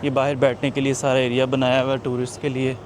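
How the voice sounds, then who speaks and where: This young man from Pakistan is a travel vlogger narrating casually as he strolls a busy tourist waterfront, chatty and jokey with viewers. His mid-range voice is completely flat and fast. Street noise and traffic surround him.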